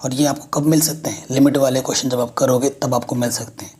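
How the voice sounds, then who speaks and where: A man gives a math lesson at a board. He explains step by step and keeps checking that students follow. His voice is husky and noticeably rough. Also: medium pitch, steady tone, quick pace, a little mellow. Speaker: math teacher.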